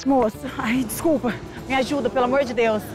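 A woman's voice: a little high, fairly even intonation, brisk, music in the background. A woman in a street prank acting as a desperate mother who lost her baby, pleading breathlessly and overdramatically outdoors. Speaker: prank actress playing a frantic mother. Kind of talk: hidden-camera prank acting. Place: outdoors in a busy public square.

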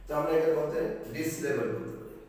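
A male English teacher with a Bengali accent, giving a classroom lesson for young pupils and repeating key points with slow, drawn-out model words. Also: a little high, fairly even intonation, a little mellow. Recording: echoey room, voice far from mic.

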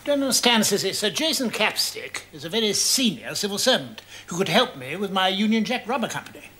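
A man's voice: sits high, very animated, a little fast, pushed and bright, a little hiss or hum, heavily acted. An actor playing a blustering, pompous upper-class father in a sitcom, with studio audience laughter. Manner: pompous, indignant. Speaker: aristocratic father. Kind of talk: 1990s studio sitcom acting.

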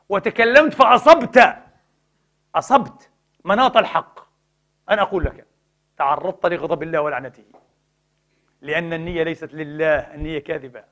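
A middle-aged man preaching an impassioned religious lecture, asking rhetorical questions and answering them himself, swinging between loud exhortation and hushed pleading. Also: sits high.

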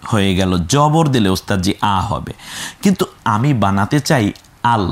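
A man teaching children to read the Quran, patiently drilling letters and syllables aloud and growing emphatic when he warns about mispronunciation. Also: mid-range voice. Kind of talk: children's Quran reading lesson.

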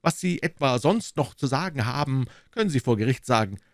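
A man voicing a stern young male police inspector who questions with sharp demands, in a storybook reading. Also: medium pitch, animated, fairly quick, no echo, studio quality, pitched above the performer's own voice, lightly acted. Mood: curt.

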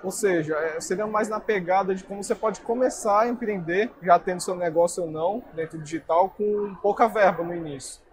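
A young adult man earnestly explains marketing as a guest speaker being interviewed at an indoor trade fair booth. His voice sits high and moves a little fast with few pauses, over slight background noise.

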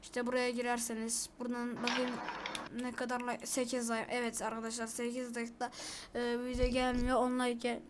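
Excitable high-voiced woman gaming. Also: fairly quick, heavy background noise. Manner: excitable, bursts into frantic repeated complaints. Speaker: gaming YouTuber. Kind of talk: casual gameplay commentary.

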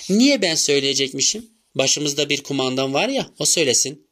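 A man's voice: a little high, lively intonation, fairly quick, a bit bright. A man reading an audiobook, voicing a sulky boy who refuses blame. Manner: sulky, defensive.

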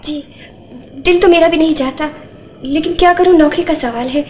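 An actress playing a gentle young woman, talking softly and soothingly. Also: high voice, normal speed, slight background noise, close to an everyday voice. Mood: apologetic. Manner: soft, soothing, apologetic. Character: young woman, gentle kind elder sister figure. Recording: dull 1970s film soundtrack with loud music.

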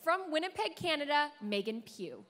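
A woman co-hosting a live pageant show, delivering scripted presenter lines smoothly. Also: sits high, sing-song, normal speed, a bit bright. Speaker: pageant co-host.

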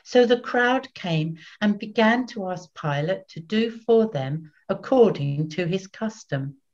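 An older woman, acting as narrator and Evangelist, reads scripture slowly and in measured phrases, with a medium-pitched, darkish yet animated voice. She is in a small room at home, recorded over a computer video call that gives dull, lo-fi audio.

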